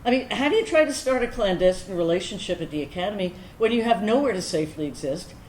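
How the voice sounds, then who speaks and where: Speaking at a medium pitch with light acting, an actress takes on the role of a candid woman veteran for a dramatic first-person monologue. The mood is fond and honest, the storytelling conversational, confessional and wry, punctuated by deliberate pauses. It's an animated staged reading recorded in an echoey room with background noise.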